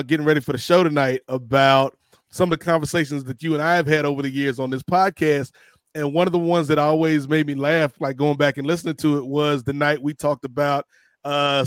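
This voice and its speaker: A man's voice: fairly high pitch, fairly even intonation, a little fast, dry recording. A man hosting a podcast in casual chat, rambling and joking as he passes questions to guests. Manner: rambling, joking, laughs at his own jokes. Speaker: podcast host.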